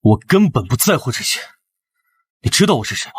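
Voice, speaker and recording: A possessive young lover. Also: male voice, medium pitch, big pitch swings, brisk, breathy edge. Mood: insistent. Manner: insistent, demanding. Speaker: secret lover. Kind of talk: TV drama acting.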